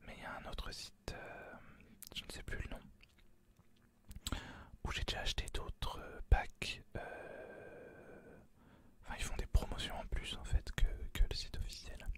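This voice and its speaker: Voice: a little slow, long pauses. A host whispering right into the listener's ear in informal, rambling ASMR gaming commentary, with some hesitation.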